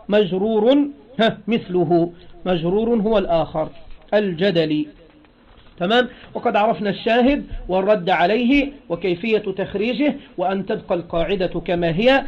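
Egyptian guy teaching grammar, kinda high voice, keeps repeating stuff and asking the class, muffled lo-fi sound. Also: darkish tone. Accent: Egyptian Arabic. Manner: repeats phrases and prompts the class with questions. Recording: dull lo-fi classroom recording.

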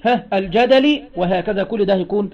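A man with an Egyptian accent leads a classroom grammar lesson in a rather high voice. He repeats key phrases and throws questions at his students as he goes. The recording is dull and lo-fi. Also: fairly quick. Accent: Egyptian Arabic. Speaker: teacher.

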